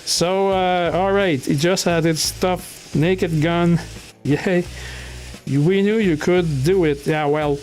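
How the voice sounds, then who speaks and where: A man hosting a casual livestream who greets viewers by name and reads their chat aloud, talking haltingly with lots of restarts and chuckles. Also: high-pitched, steady tone, darkish tone, faint music behind. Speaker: livestream host.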